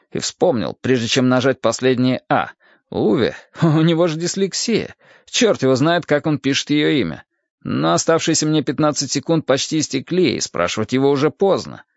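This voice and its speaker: Man, audiobook narrator, first-person story, steady and measured, middle pitch, dry dull recording. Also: no room sound.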